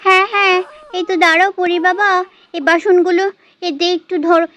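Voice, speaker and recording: A woman voicing a bustling village mother doll who scolds and dotes on her children, talking fast and nagging. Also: very high voice, flat delivery, a bit bright. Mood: fussing. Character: fussy village mother, scolding yet doting. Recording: dull lo-fi sound.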